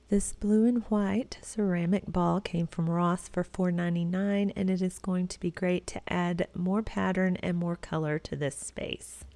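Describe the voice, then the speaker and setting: A woman's voice: lowish voice, creaky, a little mellow. A middle-aged woman with a Texas accent, chatting directly to viewers in a voice-over about decorating her home. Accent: Texan.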